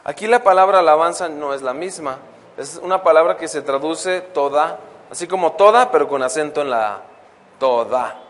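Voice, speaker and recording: A man's voice: a little high, a bit bright. Man preaching in an echoing hall. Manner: asks the congregation questions, reads verses slowly. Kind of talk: Bible teaching sermon. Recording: long hall reverb.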